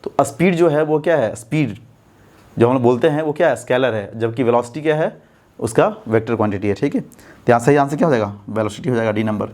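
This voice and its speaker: A man's voice: mid-range voice, fast talker, darkish tone. Indian man teaching exam English. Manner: explains step by step, asks students rhetorical checks. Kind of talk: exam-prep lesson explaining answers.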